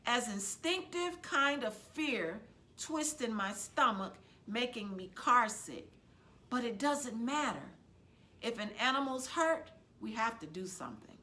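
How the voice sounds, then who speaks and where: A woman reads from a children's novel in the manner of a librarian, her slightly high voice shaping the story expressively and dramatically. She paces her phrasing with care.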